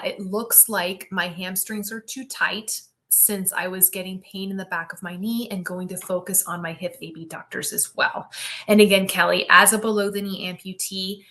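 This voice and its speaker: A middle-aged woman hosts a live-stream physical therapy Q&A, teaching casually and enthusiastically in a bright, forward, mid-range voice with a steady tone at normal speed. She's upbeat and chatty, often checking in with viewers with "right?", and projects loudly into her device's built-in mic.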